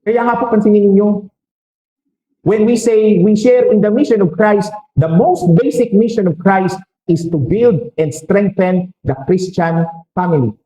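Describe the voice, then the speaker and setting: Filipino priest giving a sermon, high voice, echoey church, joking around with the crowd. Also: male voice, mellow, slight background noise. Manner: preaching with rhetorical questions and quick jokes.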